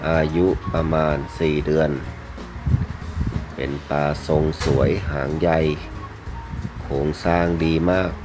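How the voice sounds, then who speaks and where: A man presenting items for sale in a video, speaking politely in short, halting phrases over music. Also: rumbling low, flat delivery. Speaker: fish seller presenting betta fish for sale. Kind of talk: unhurried sales video narration. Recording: music playing behind the voice.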